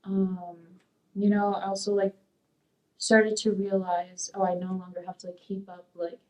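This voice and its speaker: In a dark studio, a seated young community college student who came from Peru and grew up in Sacramento gives rambling, hesitant oral history answers with many fillers. Her darkish, medium-pitched voice is flat and a little slow, recorded from a distance in low quality.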